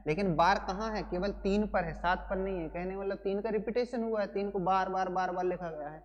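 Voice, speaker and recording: A man's voice: high voice, fairly even intonation, fairly quick, long reverb tail, lo-fi sound. A male teacher giving an exam coaching lesson, playful and chatty, who keeps calling his students brother and explains with wedding and party stories.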